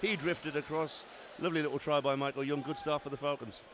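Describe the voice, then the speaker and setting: A man's voice: on the high side, fairly even intonation, fast, music in the background. A man working as co-commentator on live radio rugby, analysing the play like an expert summariser. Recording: lo-fi radio broadcast.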